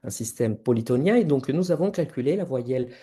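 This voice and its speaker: A man presents research at an academic conference and explains each slide step by step for the audience. His voice is mellow and warm, with an ordinary middle pitch. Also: expressive, brisk.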